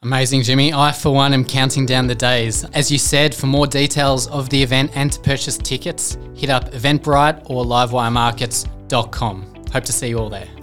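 A man's voice: mid-range voice, fairly even intonation, moderate pace, hardly any pauses, a bit bright, faint music behind. A man hosting a podcast, upbeat in casual chat and wrapping up with promotional lines. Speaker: podcast host.

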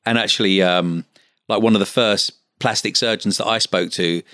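A man's voice: lowish voice, steady tone, normal speed, a bit bright, no echo, clean studio sound. A middle-aged man from Essex with an Essex accent, talking casually as an interview guest in a chatty, stop-start way. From Essex, England. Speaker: interview guest, medical finance business owner.

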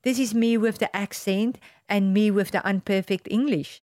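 A middle-aged South African woman speaks with a strong Afrikaans accent, her voice smooth and clean. She is recorded dry and close, with no room sound. She tells her story candidly and animatedly, in imperfect English. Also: medium pitch, normal speed, dry recording. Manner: animated, candid, non-native grammar. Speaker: interview guest. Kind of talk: conversational storytelling.

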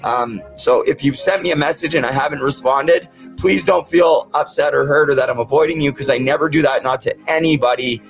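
A man's voice: a little high, fairly quick, few pauses, faint music behind, rough recording. A man with the toothless speech of someone missing his teeth, hosting a podcast and talking casually, earnestly and plainly to his viewers. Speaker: podcast host. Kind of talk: casual, sincere talk to viewers.

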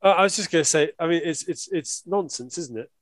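A priest in casual conversation, starting sentences with hesitant restarts before landing firm views. His voice sits at an ordinary pitch and the recording is dry and close. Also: fairly quick, dry recording. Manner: hesitant, stammers into opinions. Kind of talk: casual chat.

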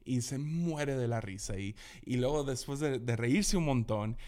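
A man's voice: mid-range voice, a little slow. A young adult man, telling stories in a casual talk, acting out quotes and laughing often. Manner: animated storyteller who acts out quotes and laughs often.

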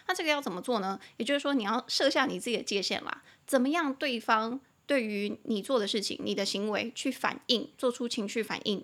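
A woman with a Taiwanese Mandarin accent hosting a bilingual English lesson podcast, chatty and opinionated, spelling words out slowly letter by letter. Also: medium pitch, fairly bright tone. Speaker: English teacher and podcast host.

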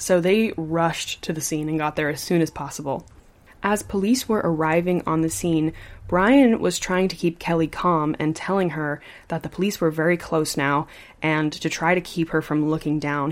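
A woman hosting a podcast, telling a true story in a casual, chatty way and sometimes adding "like.". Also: sits low. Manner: animated, chatty, says like often.

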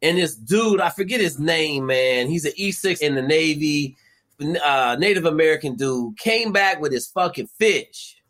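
A male football coach swapping stories as a guest. His voice sits fairly high and jumps around a lot. He is profane and punchy throughout. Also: expressive, moderate pace, fairly bright tone. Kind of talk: casual storytelling.

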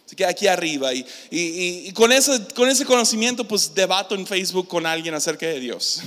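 A man's voice: high-pitched, fairly quick. A man giving a casual, jokey youth sermon, talking directly with the audience. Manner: lively, jokey, interacts with the audience. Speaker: youth pastor. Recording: hall reverb.

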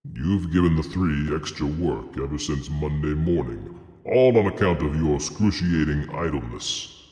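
A man voicing a grand, stern male desert Jinn in a storybook, speaking slowly and weightily in an admonishing way. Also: extremely low pitch, lively intonation, a little mellow, pitched below the performer's own voice. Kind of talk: storybook character voice. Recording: roomy echo with long reverb.

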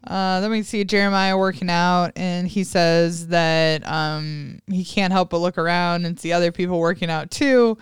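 A co-host on a casual podcast, narrating the episode recap in a halting, filler-laden way. The voice is exceptionally smooth and clean, and it sits dry and close with no room sound. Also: medium pitch, steady tone, no echo. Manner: plods through plot recap, hesitant. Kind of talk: casual chat.

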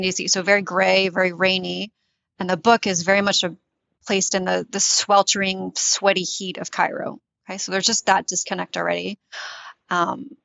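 A woman's voice: mid-range voice, creaky, fairly bright tone, no room sound. A woman, a literary translator speaking thoughtfully in an interview, often restarting to find the right words. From born in Tunisia, raised in the US. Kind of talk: reflective interview talk. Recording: dull lo-fi dry recording.

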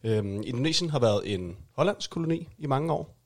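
A man giving a casual history overview in a chat, pausing with many fillers. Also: mid-range voice, lively intonation. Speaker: co-presenter.

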